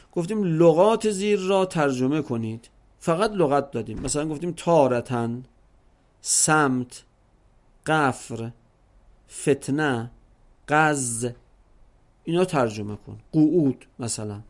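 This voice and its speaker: Teaching an Arabic class, a middle-aged man with a slightly high voice slowly explains the types of exam questions, repeating each example several different ways.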